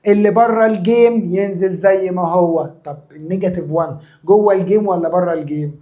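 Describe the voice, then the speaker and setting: A man's voice: sits high, fast, dark tone. A man with an Egyptian Arabic accent teaching a math lesson, who asks his own questions, answers them himself and repeats key points. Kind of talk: recorded classroom lesson.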